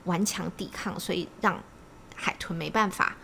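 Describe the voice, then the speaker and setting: Woman cohost telling stories, kinda gravelly, lots of quick "right right right", bit of noise. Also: lowish voice, bright, forceful tone. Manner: chatty storyteller, quick repeated agreement. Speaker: podcast co-host. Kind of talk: casual podcast chat.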